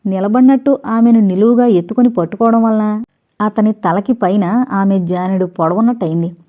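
A woman narrating an audio novel in an even, storytelling manner. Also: medium pitch, narrow, tinny audio. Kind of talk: scripted narration.

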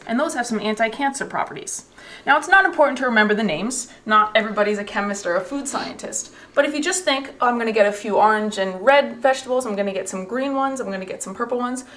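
Woman, nutrition presenter, brisk pace, clear instructional tone, supermarket aisle. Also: fairly high pitch, a bit bright, a little hiss or hum. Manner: clear, explanatory.

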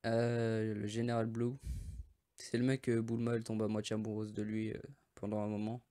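A man's voice: on the low side, monotone, moderate pace, warm tone. A French man casually presenting mobile game characters, rambling with many hesitations and often forgetting names. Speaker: mobile game video host.

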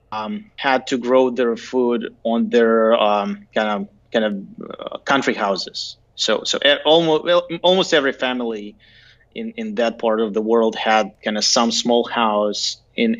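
A man in his thirties with a Belarusian accent, telling stories casually and haltingly as an interview guest. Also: mid-range voice, fairly bright tone. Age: 30s. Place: indoor room, video call. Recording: dull lo-fi video-call audio.

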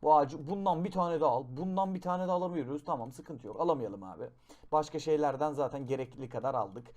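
A young man giving excited gameplay commentary, shouting in bursts, then dropping to low mutters, and making gun noises with his mouth. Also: fast. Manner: excitable, shouts and swings between loud outbursts and low mutters; makes gun sound effects with his mouth. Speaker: gaming YouTuber.

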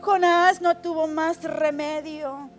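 A woman's voice: sits high, steady tone, slow, soft background music. A woman pastor preaching a sermon in an impassioned, pleading way.

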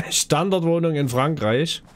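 A man's voice: fairly high pitch, expressive, takes it slowly. A man giving casual let's play commentary on a horror game, a scared, jumpy streamer who talks to viewers and to the game's characters.

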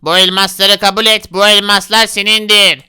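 A man's voice: high-pitched, flat delivery, moderate pace, smooth, heavily acted. A man voicing grateful male villagers in a block-building game who thank and honor their rescuer. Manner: warm, thankful, calls people brother.

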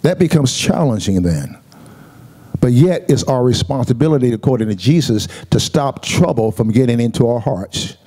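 Mellow-voiced man preaching a sermon. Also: mid-range voice, lively intonation, moderate pace, slightly rough. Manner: preaching with call-and-response asides; repeats words and restarts often. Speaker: pastor.

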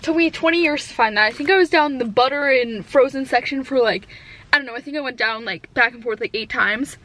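Young woman vlogger, high voice, jittery chatty first-timer, camera held in hand in her car. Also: brisk, fairly bright tone. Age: 20s. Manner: nervous, giggly, rambling with many likes. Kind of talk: casual vlog chat.

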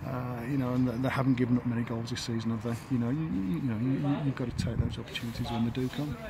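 A man in his fifties, an English football manager, giving a halting post-match interview outdoors by the pitch, full of fillers and restarts. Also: steady tone, a crowd in the background. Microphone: handheld camera at close range. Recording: outdoor noise behind.

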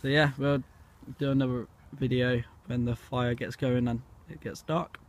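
A teenage boy vlogs his camping trip into a handheld phone in the woods by a lake, his medium-pitched voice steady and at normal speed. He rambles casually with lots of fillers and goes hushed at night, and wind noise comes through the phone recording.

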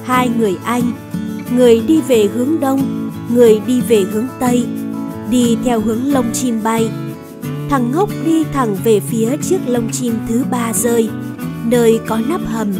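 Slow, high-voiced woman narrating a Vietnamese folktale. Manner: measured storybook reading. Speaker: storyteller narrator. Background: background music.

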